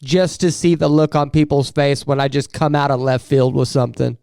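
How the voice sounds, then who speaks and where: A man's voice: mid-range voice, little pitch movement, fairly quick, gravelly, a little mellow, no echo, clean studio sound. A man chatting casually as a podcast host, laid-back and agreeable. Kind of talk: casual chat.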